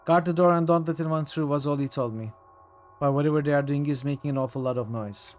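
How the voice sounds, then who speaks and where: Man voicing a polite young cadet, formal like a butler, higher voice, faint music behind. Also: quick pace, natural voice. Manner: politely formal, ends lines with "sir". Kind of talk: voicing a character while playing a video game.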